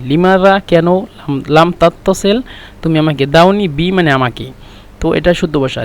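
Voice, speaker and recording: A man giving a casual spoken language lesson, explaining patiently and repeating phrases slowly so they can be copied. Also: fairly high pitch. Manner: conversational, chatty teaching tone. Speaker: Arabic language teacher.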